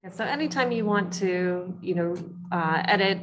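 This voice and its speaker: A woman co-presenting a teaching workshop in a casual live software demo, chatty and full of ums and you-knows, heard over a video call. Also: mid-range voice, moderate pace. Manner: chatty, many fillers like um and you know.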